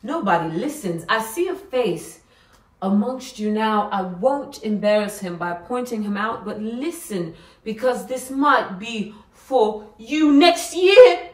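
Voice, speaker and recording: A woman's voice: fairly high pitch, lively intonation, slow pace, echoey room, distant mic. A woman playing a theatrical doom-saying fortune teller. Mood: ominous. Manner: dramatic swings from hushed to shouted. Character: ominous woman fortune teller, dramatic and prophetic. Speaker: student actor performing a monologue. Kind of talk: theatrical stage monologue.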